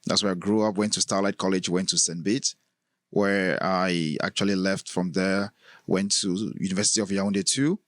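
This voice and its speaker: A man's voice: low voice, normal speed, dry recording, clean studio sound. A middle-aged man from Cameroon with a Cameroonian accent, telling stories as a podcast guest and laughing often. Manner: laughs often, storytelling, relaxed. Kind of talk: casual interview chat.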